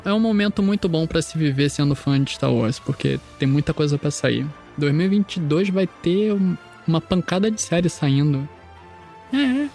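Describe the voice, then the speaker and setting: Brazilian male podcast host, eager and rambling, slightly high-pitched, music faint underneath. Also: creaky, darkish tone. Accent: Brazilian Portuguese. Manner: enthusiastic, rambling with restarts. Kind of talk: casual podcast chat.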